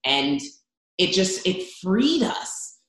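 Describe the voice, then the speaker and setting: A woman's voice: fairly low pitch, sing-song, drawn-out words, a bit bright. Earnest Zambian-born woman, roomy sound. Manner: earnest, open, stumbling restarts. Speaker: guest. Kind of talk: candid faith testimony. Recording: roomy echo.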